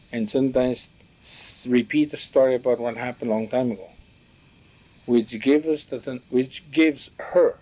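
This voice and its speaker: A man recalling what elders taught him, talking in a reflective, halting way with many restarts as he searches for words. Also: mid-range voice, darkish tone. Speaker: storyteller recalling teachings from elders. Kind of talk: reflective spoken recollection.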